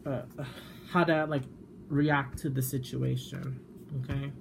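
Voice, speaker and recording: Chatty tarot reader with an even voice. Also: medium pitch, slow pace, gravelly, background noise. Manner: chatty, filler-heavy, self-correcting. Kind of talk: casual tarot reading to camera.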